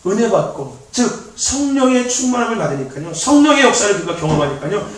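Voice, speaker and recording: A man youth pastor preaching a sermon in a church, animated and repetitive, laughing often as he talks. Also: high-pitched, fairly quick. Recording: very echoey, distant mic.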